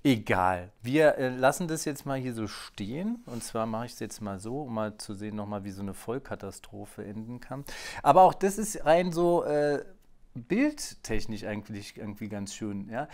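A man's voice: medium pitch, lively intonation, moderate pace, a little mellow. A man co-hosting a board game video, talking casually through his turn and counting cards under his breath. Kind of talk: casual let's play commentary.

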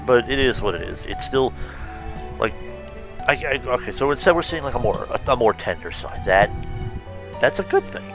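A man reading fan fiction aloud and stopping often to comment, thoughtful and halting with many fillers and self-corrections. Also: mid-range voice, lively intonation, creaky, dull audio, music in the background. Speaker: reader and reviewer of fan fiction.

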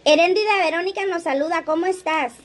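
A woman's voice: very high voice, fast talker. A woman hosting a casual livestream, chatting, laughing often and reading viewers' comments aloud. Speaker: livestream host.

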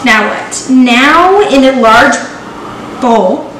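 This young woman's voice is high and a bit bright, with lively intonation, but she speaks extremely slowly. She's hosting a laid-back baking video at home, chatting and joking playfully. Recorded by a distant camera, the kitchen sounds echoey and noisy.

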